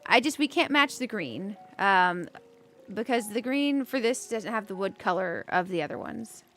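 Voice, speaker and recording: A woman's voice: medium pitch, lively intonation, normal speed, a bit bright, faint music behind. A woman streaming a cozy game, chatting casually with viewers and thinking aloud as she decorates, with giggly bursts. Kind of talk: casual gameplay commentary.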